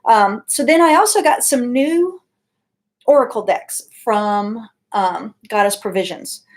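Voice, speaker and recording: A woman's voice: a little high, measured pace. A woman giving a casual weekly oracle card reading from her home office, chatty and full of ums and asides. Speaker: tarot and oracle card reader.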